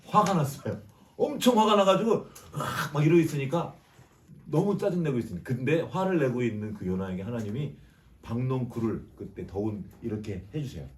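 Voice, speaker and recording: A man's voice: mid-range voice, expressive, fairly quick. A man giving a conversational sermon in a church, asking the congregation questions and acting out biblical characters' lines in a mocking tone. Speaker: preacher sharing a Bible reflection. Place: church sanctuary. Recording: distant mic with faint room noise.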